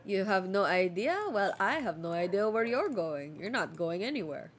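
A woman's voice: mid-range voice, animated, normal speed, slight background noise. A woman giving playful gameplay commentary while role-playing a border officer. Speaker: game streamer.

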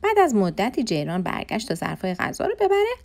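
A woman's voice: a little high, huge pitch swings, darkish tone. Woman narrating a children's story.

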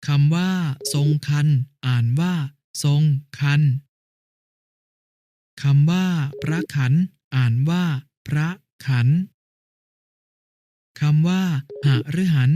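A patient, helpful big brother from a children's lesson cartoon, played by a man, explaining things step by step in a mellow, slightly high voice. It is recorded dry and close, with no room sound. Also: measured pace, few pauses, no echo, close to an everyday voice. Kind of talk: educational cartoon dialogue.

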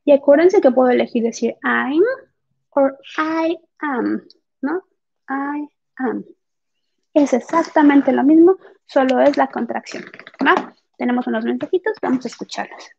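A woman teaching an online English class, mixing explanations with slow, drawn-out English examples. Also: sits high, creaky, darkish tone, husky. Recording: muffled lo-fi online class audio.

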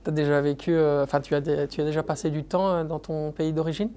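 A man's voice: fairly high pitch, little pitch movement, fast talker, dark tone. Male interviewer asking long, rambling questions.

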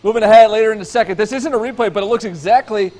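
A man anchoring TV sports, narrating football highlights in an energetic, punchy way. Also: rapid-fire. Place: TV studio.

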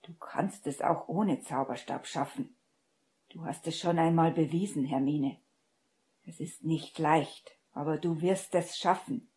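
A woman puts on a stern, calm male wizard who speaks in a hushed, urgent whisper, in a whispered role-play from a storybook reading. The voice sits low and sounds dark and mellow. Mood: encouraging.

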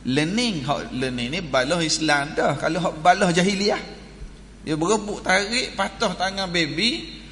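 A male preacher with a Kelantan Malay accent tells a story in a lively way and jokes with the congregation. His voice sits fairly high. Long reverb from the mosque hall trails every phrase, over a faint room hum. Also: a little slow. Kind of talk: Friday religious talk.

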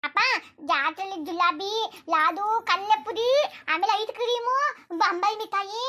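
An eager, childlike village daughter, voiced by a woman pleads excitedly with her father in a cartoon. The voice is very high and bright. She begs and lists what she wants in a breathless, wheedling run. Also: a little slow, exaggerated voice. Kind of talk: cartoon voice acting.

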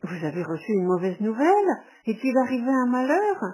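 A woman's voice: a little high, sing-song, fairly quick, darkish tone, rough recording. Woman reading as a weary young noblewoman. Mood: alarmed. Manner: languid, plaintive.

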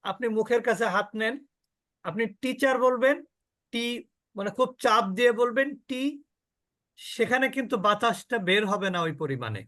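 A man teaching a Quran recitation class, explaining slowly, asking and answering his own questions, and demonstrating each sound over and over. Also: high voice, animated, sharp tone, dry recording. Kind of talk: online tajweed class.

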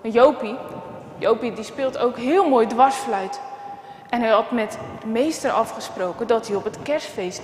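A woman telling a children's story in an expressive, dramatic way, recorded in a church. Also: sits high, slight background noise. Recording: echoey church with long reverb.

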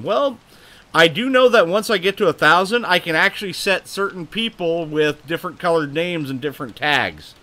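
An American man hosts a gaming livestream in a sharp, slightly high voice. He chats casually, laughs a lot, and swears when something catches him off guard.

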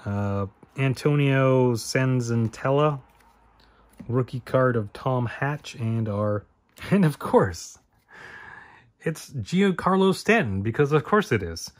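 A man's voice: mid-range voice, slow. Male host, casual card-break chatter, self-correcting and rambling, mid-range voice. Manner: rambling, self-correcting, talks to himself while listing names. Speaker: card-opening channel host. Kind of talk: casual card-opening commentary.

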